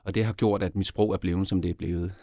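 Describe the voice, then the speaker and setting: A man's voice: deep voice, steady tone, gravelly, mellow, no echo, studio quality. A middle-aged man with a Copenhagen Danish accent, a mayoral candidate answering podcast interview questions with many restarts and fillers. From Denmark.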